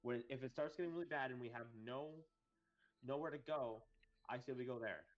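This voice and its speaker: A man's voice: medium pitch, fairly quick, lo-fi sound. A man playing his character in a tabletop game, earnest and persuasive. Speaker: player. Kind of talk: in-character tabletop role-play.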